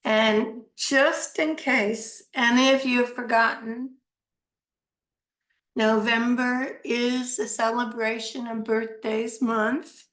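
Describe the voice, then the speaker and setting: Slow-paced woman leading a guided meditation. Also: a little high, steady tone, fairly bright tone, echoey room, poor audio. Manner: soothing, unhurried, with long pauses.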